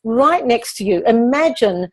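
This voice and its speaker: A woman hosting a live question-and-answer session as a speaking coach, explaining techniques in a calm, guiding way. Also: on the high side, unhurried, slightly rough.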